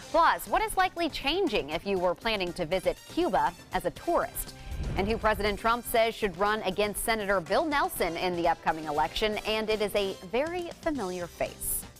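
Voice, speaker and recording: A woman's voice: medium pitch, sing-song, brisk, faint music behind. A woman reading scripted news as a television anchor. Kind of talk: scripted newscast narration. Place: TV news studio.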